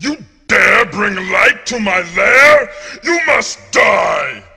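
A man's voice: high voice, big pitch swings, slow pace, creaky, bright, forceful tone, slightly rough, raised voice, full character voice. A man voicing a menacing monstrous evil lord in a melodramatic, bellowing game cutscene style. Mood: menacing fury. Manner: bellowing, threatening.

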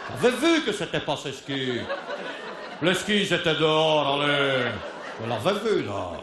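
A man spins a comic tale in a high, bouncing voice that leaps all over the place. He laughs through his lines and bursts into shouted impressions of the people in his story. The sound is roomy, with an echo around him. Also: big pitch swings, unhurried, heavy background noise. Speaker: comedian.

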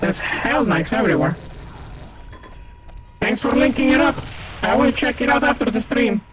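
This is a man from Maracaibo, Venezuela, a native Spanish speaker whose high voice sounds animated at a normal speed. He laughs often and calls out enemies while casually streaming a shooter with a friend. Loud game music fills the background, with a slight hiss or hum on the recording.

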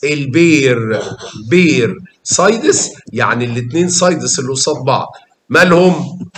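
A man's voice: mid-range voice, expressive, normal speed, fairly bright tone, roomy sound. A man with an Egyptian accent teaching a math lesson, coaxing students with questions and repetition. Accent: Egyptian Arabic. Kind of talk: lively classroom explanation.

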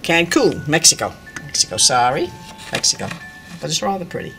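Filming a dollhouse indoors at home, its owner, an older woman, chats her way through an unscripted tour, meandering and correcting herself. Her low voice is sing-song, fairly quick and a bit bright. Soft music plays in the background.

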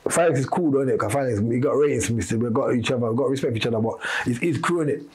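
A man's voice: medium pitch, rapid-fire, a little mellow, a little hiss or hum. A man, a podcast guest telling a long story in casual street slang, rambling and restarting as he goes.

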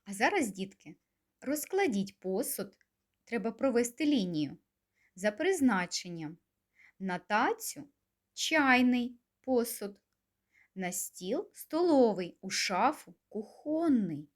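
A woman kindergarten teacher leads a speech lesson for little children, her pitch rising and falling in a lively, singsong way. She speaks slowly and gently, asking coaxing questions and leaving pauses for the children to answer.

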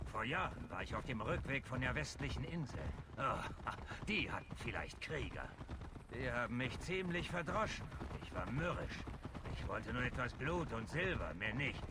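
A man's voice: medium pitch, background noise, lightly acted. A man voicing a boastful, brutal Viking warlord who tells crude war stories in a German game dub. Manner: swaggering, crude storyteller.

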